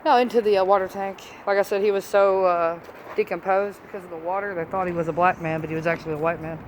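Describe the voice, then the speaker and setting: A woman with a slightly low voice talks casually as an amateur paranormal investigator. She is blunt and informal, swearing freely. The phone recording has some background noise. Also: steady tone, fast. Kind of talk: casual ghost-hunting chat. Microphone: phone camera. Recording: noisy on-location phone video recording.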